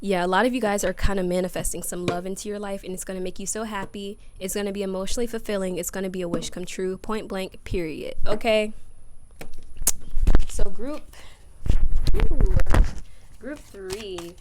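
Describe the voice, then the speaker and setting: A woman gives a casual tarot reading to camera outdoors. She talks in a chatty, familiar way and calls her viewers y'all and baby. Her voice sits at an ordinary pitch for a woman. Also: fairly even intonation, fast talker, hardly any pauses, noisy background. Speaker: tarot reader. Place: outdoors by a grassy yard.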